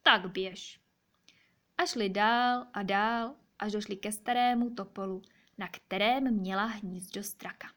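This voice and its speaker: A woman reading a children's story aloud, gentle and expressive. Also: medium pitch. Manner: gentle, expressive, slows for sad moments.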